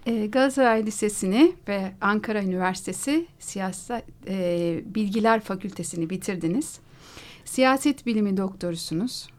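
A woman's voice: mid-range voice, moderate pace, darkish tone. Woman hosting a radio talk show. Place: radio studio.

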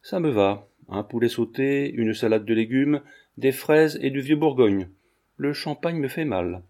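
Man doing a brash streetwise fortune-teller woman, storybook reading, mellow tone, even pitch. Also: unhurried, close to an everyday voice. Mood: saucy. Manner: saucy and streetwise.

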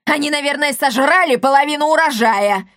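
A big, bossy commandant woman shouts and scolds the children in a raised, harsh voice, as a woman reader puts her on. It is a storybook reading with a dry, close sound. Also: high voice, fairly quick, no echo, voice pushed up. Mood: scolding.

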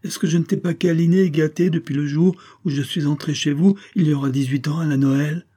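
A man's voice: medium pitch, normal speed, dark tone, natural voice. Storybook servant woman in her forties, doting and scolding, put on by a man reading. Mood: indignant. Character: warm fussy middle-aged female servant. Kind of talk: audiobook character voice.

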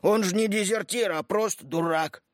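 A loud, exasperated old warrant officer who scolds and shouts, his voice riding high and sharp, as a male audiobook narrator puts him on. Dry, close sound with no room around it. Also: expressive, brisk, no room sound. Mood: mock-tragic. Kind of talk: audiobook character reading.

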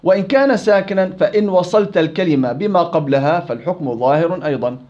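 A man's voice: high voice, fast, muffled recording. A man teaching Quran recitation rules in a classroom lecture, explaining rules and quizzing his students.

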